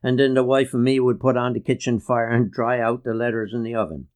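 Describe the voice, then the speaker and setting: Brief: male reader voicing old outport woodsman, relaxed yarning delivery. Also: mid-range voice, a little fast, lightly acted. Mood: reminiscing. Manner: easygoing storytelling.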